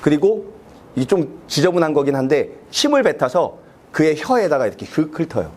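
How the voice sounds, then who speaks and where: Male pastor from South Korea, high and animated sermon voice, asks the room questions. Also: slight background noise. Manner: acts out quoted prayers in a raised, slowed voice. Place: church sanctuary.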